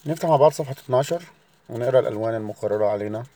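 A man with an Egyptian Arabic accent teaches a recorded lesson and says each word slowly, again and again. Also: medium pitch, warm tone. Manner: slow, drawn-out repetition of each word.

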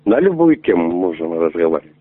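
A man's voice: sits low, very animated, quick pace, no room sound. A man making a crude prank phone call, pushy and rambling, swearing often as he keeps asking to meet. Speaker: prank caller. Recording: tinny phone line.

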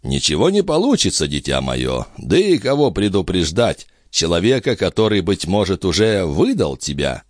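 A man's voice: deep voice, sing-song, normal speed, hardly any pauses, no room sound, studio quality. A man voicing a worldly old duke who speaks with teasing, condescending irony. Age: older. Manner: ironic, condescending.

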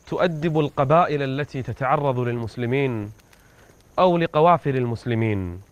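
A man preaching and retelling an old story with dramatic rises in his voice. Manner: dramatic storyteller, rising pitch at tense moments. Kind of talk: religious storytelling sermon.

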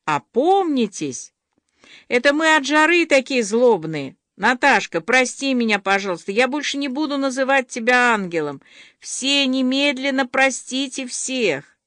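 A woman's voice: high-pitched, big pitch swings, a little slow, dry recording, studio quality, voice pushed up. A woman voicing a mischievous young woman who clowns about and calls out in mock alarm, reading a storybook role. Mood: playful, mock-pleading. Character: playful teasing young woman, lively and mischievous.

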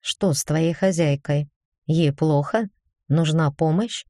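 A woman reading the part of a stern but caring female academy dean in an audiobook, firm and brisk, then gently coaxing. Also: low-pitched, no echo, studio quality.

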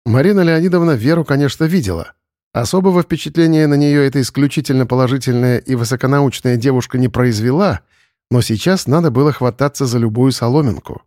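A man narrates a story in a steady, wry voice of middle height. The sound is dry and close, with no room around it. He reads a novel aloud. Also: mid-range voice, fast talker, dry recording. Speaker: audiobook narrator. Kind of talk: scripted narration.

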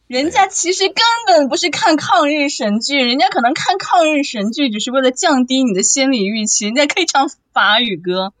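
A woman with a high, animated, fairly bright voice talks briskly, barely pausing, as she hosts a casual live voice chat for a radio drama cast. She is teasing and reassuring, full of exclamations, and the online voice chat audio has no echo.

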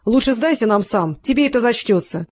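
A woman's voice: fairly high pitch, lively intonation, brisk. A narrator voicing a bold young woman who speaks coolly and tartly in a raised voice. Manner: self-assured, cool and tart. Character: bold cool-headed young woman, police chief's daughter.

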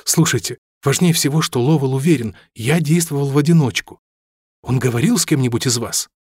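A man's voice: mid-range voice, fairly quick, darkish tone, slightly rough, no room sound, clean studio sound, pitched above the performer's own voice, natural voice. A man reading aloud voices an anxious, defensive young male student.

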